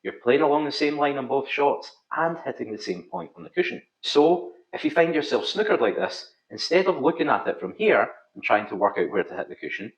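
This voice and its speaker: A man's voice: fairly high pitch, lively intonation, fairly quick, creaky, hardly any pauses. A middle-aged man with a thick Scottish accent, giving scripted instructional narration as a pool coach and video host. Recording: slightly dull, roomy echo.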